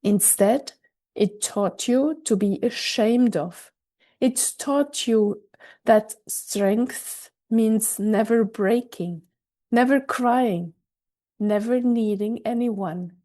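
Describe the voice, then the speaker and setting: A woman hosting her own podcast, speaking a scripted reflective monologue with a gentle, reassuring delivery. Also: on the high side, very slow. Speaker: podcast host. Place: recorded in Switzerland.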